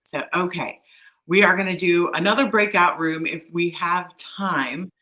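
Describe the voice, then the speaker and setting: Brief: woman workshop presenter, encouraging and chatty, bright tone, video call. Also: lowish voice, measured pace, low-quality recording. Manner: chatty, encouraging, with light laughs.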